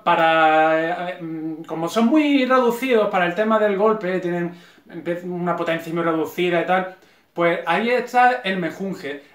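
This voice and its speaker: A man's voice: high-pitched, echoey room. A man with a Spanish accent talking casually from his sofa, ranting with sarcasm and many restarts. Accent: Spanish from Spain. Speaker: vlogger. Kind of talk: casual opinion vlog. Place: home living room, on a sofa.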